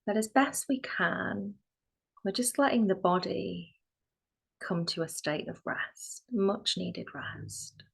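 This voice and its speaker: Leading a yoga nidra session, a medium-pitched woman speaks softly and soothingly, at times breathily, guiding relaxation with long pauses between phrases.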